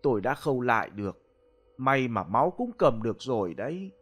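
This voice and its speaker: Brief: male narrator as an old healer, steady and plain. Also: mid-range voice, brisk, slightly rough, faint music behind. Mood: calm. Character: calm elderly male village healer.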